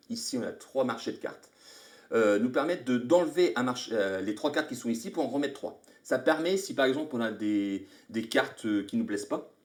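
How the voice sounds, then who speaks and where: A man's voice: medium pitch, darkish tone. A man with a mid-range voice talks through game rules in a loose, chatty way, stopping to greet viewers along the way. The sound is roomy and echoey. His delivery is casual and unscripted. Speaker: live-stream host. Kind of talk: casual board game rules explanation on a live stream. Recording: echoey room.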